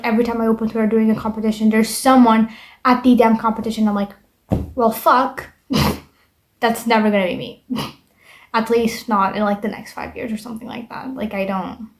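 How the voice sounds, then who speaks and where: A woman's voice: fairly high pitch, little pitch movement, brisk. A young woman vlogging in a casual, rambling monologue, bitter and full of swearing. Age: young adult.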